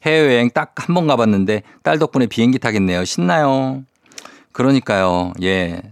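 A male radio DJ on a morning show, reading listener messages and answering them with quick chatty asides. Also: medium pitch, lively intonation, gravelly, no echo, studio quality. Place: radio studio. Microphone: studio microphone.

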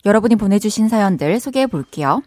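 A woman hosting a casual radio talk show, reacting brightly and reading listener stories. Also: mid-range voice, lively intonation, fast, dry recording, clean studio sound. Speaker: radio host.

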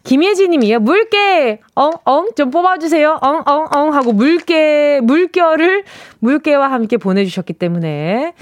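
Playful lively woman radio DJ. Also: high-pitched, moderate pace, dry recording. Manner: playful, reads listener messages, imitates sounds. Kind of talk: radio call-in quiz chat. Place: radio studio. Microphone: studio microphone.

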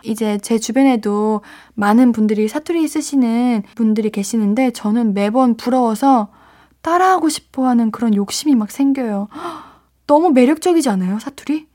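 A woman hosting a late-night radio show speaks into a studio microphone in a slightly high, mellow voice at a moderate pace. The DJ is bubbly, chatting and reacting to listener letters with frequent gasps and exclamations.

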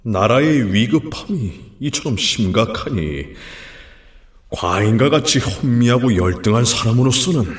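An actor playing a troubled, grieving Joseon king, speaking in archaic royal phrasing with a sorrowful, choked delivery. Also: lowish voice. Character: anguished, troubled Joseon king, middle-aged man. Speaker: voice actor in a historical reenactment. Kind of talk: archaic royal speech, dramatic reading. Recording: echoey with long hall reverb.

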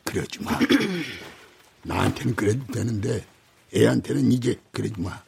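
A middle-aged actor playing a soft-spoken father who quietly apologizes. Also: mid-range voice, sing-song, measured pace, gravelly, slightly rough, full character voice. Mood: remorseful.

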